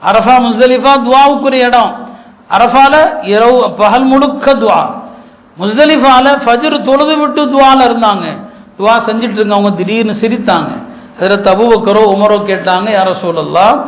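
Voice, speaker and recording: Male preacher, high voice, earnest sermon delivery with emphatic repetition, echoey room. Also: moderate pace. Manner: earnest, repeats words for emphasis. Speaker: Islamic preacher.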